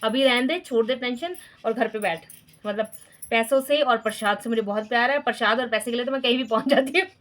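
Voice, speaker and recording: A woman's voice: fairly high pitch, a little fast, fairly bright tone. A woman in her thirties from India, casually chatting to her followers, confiding and laughing as she talks. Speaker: vlogger.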